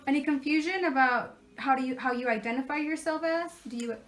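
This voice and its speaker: A woman asks prepared interview questions for a class assignment. Her voice is fairly high, and she pauses often with ums between her words. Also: fairly bright tone, a little hiss or hum, rough recording. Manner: hesitant, many ums. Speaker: student interviewer.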